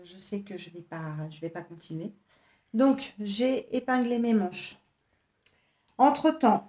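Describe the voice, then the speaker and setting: Woman sewing vlogger, kinda high voice, slow and rambly, lots of ums, echoey room. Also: mellow. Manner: hesitant and rambling, many fillers, self-mocking. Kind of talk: casual chat to camera. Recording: roomy echo.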